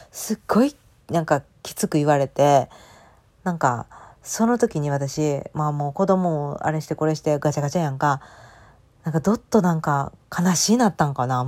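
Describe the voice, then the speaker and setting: Fast-talking woman with a Kansai accent. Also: deep voice. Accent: Kansai Japanese. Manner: chatty and emotional, lively dialect storytelling with many fillers. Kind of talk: casual storytelling monologue.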